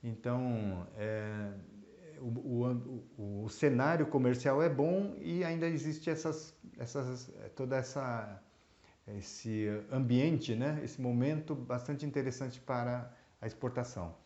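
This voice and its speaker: A man's voice: mid-range voice, slow pace, dark tone. A Brazilian man who exports mushrooms explains the trade in a hesitant way, with many fillers and restarts. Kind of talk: explanatory talk. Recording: roomy, dull lo-fi sound.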